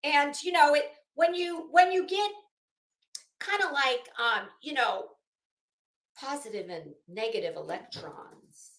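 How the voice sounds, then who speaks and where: With a high-pitched, fairly bright voice and a slightly slow delivery, a middle-aged woman host rambles sarcastically through a theatrical, mocking monologue. The room is echoey.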